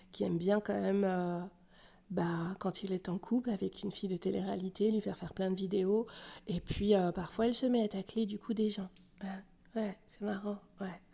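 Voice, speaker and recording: A woman's voice: mid-range voice, vocal fry, warm tone. A woman giving casual, teasing gossip commentary, dropping into whispers for asides.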